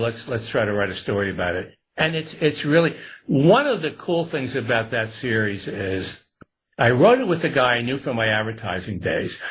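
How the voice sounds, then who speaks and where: Husky man rambling casually. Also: mid-range voice, fairly bright tone, low-quality recording. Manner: rambling, self-interrupting, chuckling. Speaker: guest author. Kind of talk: casual podcast interview.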